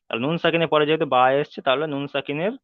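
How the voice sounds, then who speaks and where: A man teaching a Quran reading lesson, patiently repeating each rule, asking checking questions and chanting Arabic sounds slowly when he models them. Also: a little high, fairly even intonation, no room sound. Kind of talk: online tajweed lesson. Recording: dry, tinny phone-like sound.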